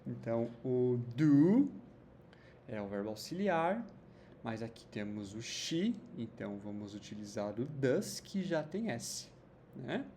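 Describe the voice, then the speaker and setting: Animated teacher explaining grammar. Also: male voice, mid-range voice, a little hiss or hum. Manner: lively, slow drawn-out example sentences, frequent "tá?" and "né?" checks. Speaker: English teacher. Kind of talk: Portuguese-language English grammar lesson.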